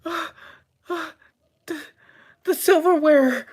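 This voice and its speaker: A man voicing a frightened young cafe waitress in a tabletop game, with a shrill, panicky cry high above his own voice. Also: takes it slowly. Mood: panicked. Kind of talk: role-play voice in a tabletop game.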